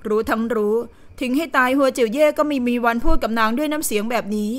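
A woman voicing a young female healer who speaks quietly and hesitantly in an audio novel. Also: on the high side, fast talker, lightly acted. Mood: flustered. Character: young woman healer, wary and quick-witted.

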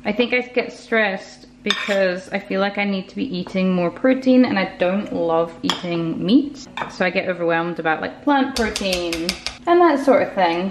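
A woman in her thirties chatting to camera at home as a lifestyle vlogger, telling stories in a lively way and laughing often. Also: mid-range voice, a little hiss or hum. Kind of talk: casual vlog chat to camera.

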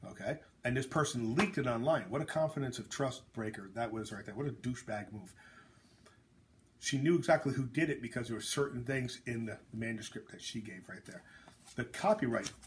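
A man at an ordinary middle pitch talks shop in a loose, rambling podcast chat, blunt and joking as he goes. Faint noise sits under his voice. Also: fairly quick. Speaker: author and host.

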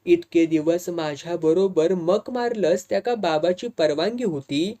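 Reading audiobook dialogue, the narrator takes on a hot-headed young villager with a Malvani accent, pushing his point insistently. The voice is mid-range and unhurried, dark in tone but close to an everyday speaking voice.

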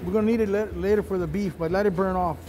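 With music playing and a pan sizzling, a middle-aged chef host races through a casual, encouraging cooking demo in a studio show kitchen, instructing as he goes. His high voice is warm and steady, with slight background noise.

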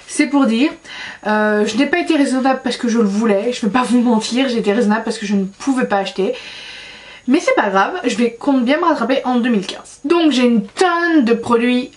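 A woman's voice: a little high, fairly quick. A young woman talking casually as a beauty vlogger, chatty and self-mocking, with many fillers. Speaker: beauty YouTuber. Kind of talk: casual vlog chat.

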